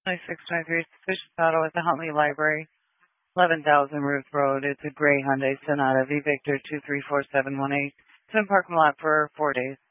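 Flat-toned male radio dispatcher, tinny channel. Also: a little high, brisk, no room sound. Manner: procedural, terse. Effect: two-way radio.

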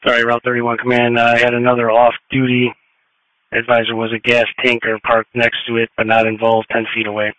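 Fast, clipped male radio dispatcher. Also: medium pitch, monotone, fairly bright tone, no room sound, highs cut off. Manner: clipped, businesslike. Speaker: emergency dispatcher. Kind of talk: procedural fire and ambulance radio dispatch. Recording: dry close two-way radio audio.

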